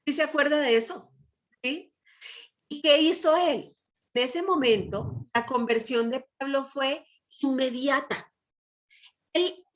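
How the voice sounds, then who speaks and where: A middle-aged woman giving a Bible teaching talk, emphatic and lively, constantly checking in with listeners through tag questions. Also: high-pitched.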